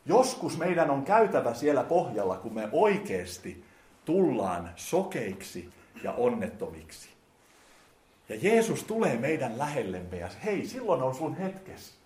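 A man preaching a sermon, talking directly to his listeners in casual speech and swinging between quiet and loud. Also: medium pitch, sing-song. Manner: addresses listeners directly, colloquial. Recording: echoey hall.

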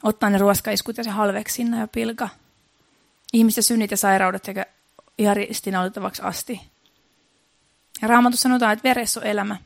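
Woman preacher, mid-pitched, earnest and repetitive, dry room. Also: fairly even intonation, creaky, long pauses, no room sound. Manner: earnest, repetitive, building emphasis. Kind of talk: sermon.

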